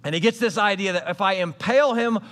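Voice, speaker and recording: A man with a high voice preaches a sermon. He retells an old scripture story like he is chatting with friends, dropping in modern slang and asides. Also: fast talker, fairly bright tone, in a large hall. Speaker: pastor.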